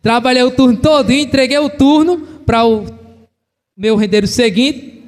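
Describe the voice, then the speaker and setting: A man with a Brazilian accent preaching a fervent evangelical sermon in a church, telling stories and rising to shouts. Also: very high voice, normal speed. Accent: Brazilian Portuguese. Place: church hall. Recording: long church-hall reverb.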